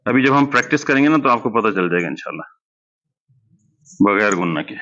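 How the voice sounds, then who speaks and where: A man's voice: on the low side, expressive, bright, forceful tone. Male tajweed teacher, lo-fi. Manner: explains step by step, slowly drawing out recited words as examples. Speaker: Quran recitation teacher. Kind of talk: classroom lesson. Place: madrasa classroom.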